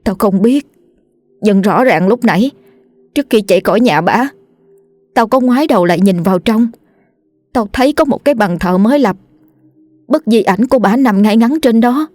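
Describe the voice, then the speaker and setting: A woman's voice: a little high, lively intonation, normal speed, long pauses, a little mellow, dry recording, pitched above the performer's own voice. A woman voicing a frightened young village woman who stammers and trembles as she speaks.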